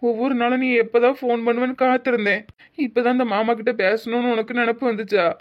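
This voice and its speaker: A woman's voice: fairly low pitch, flat delivery, fast, natural voice. A woman voicing a young husband in a cartoon, emotional and apologetic, with a Tirunelveli Tamil accent. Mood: tearful pleading. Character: young husband Muthu, proud then remorseful. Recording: muffled lo-fi audio.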